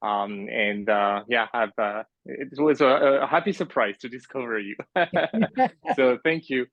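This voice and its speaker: A man's voice: medium pitch, measured pace, no echo, dull audio. A man in his thirties from France, a podcast guest talking casually about his life, rambling with many fillers and restarts and laughing often. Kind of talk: casual conversational interview. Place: remote call from an island at night.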